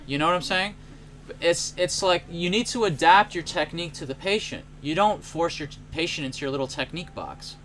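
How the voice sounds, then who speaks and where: A man's voice: a little high, lively intonation, brisk, a bit bright, a little hiss or hum. A man who is a chiropractor giving an educational health talk in an earnest, emphatic, conversational way.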